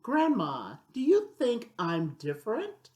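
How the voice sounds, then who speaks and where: An unsure little girl from a storybook, read by a woman, asks earnestly. The pitch lifts higher with a questioning lilt. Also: huge pitch swings, takes it slowly, a little mellow, exaggerated voice.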